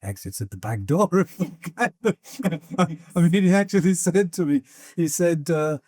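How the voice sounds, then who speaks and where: An older man hosts a conversational interview, trading anecdotes. His voice is mellow and dark, recorded close and dry. He talks in a chatty way, often laughing and putting on quoted voices. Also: a little high, animated, slow pace, no room sound. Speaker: podcast host.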